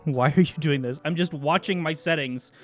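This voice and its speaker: High-voiced man chatting over music. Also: normal speed, fairly bright tone. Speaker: player. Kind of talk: casual tabletop game chat. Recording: music behind the voice.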